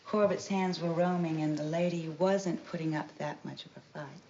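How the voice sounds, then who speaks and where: A woman's voice: deep voice, fairly even intonation, normal speed, mellow, a little hiss or hum. An actress playing a chatty young waitress testifying in court, telling her story in a breezy, gossipy way. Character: chatty young female club waitress on the stand. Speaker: witness, club waitress. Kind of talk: 1970s TV courtroom drama. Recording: dull lo-fi TV soundtrack.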